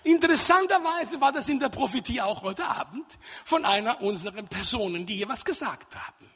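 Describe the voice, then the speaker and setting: A man preaching a sermon in a church hall, lively and jokey with loud outbursts. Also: very high-pitched, fairly quick, breathy edge. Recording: reverberant hall.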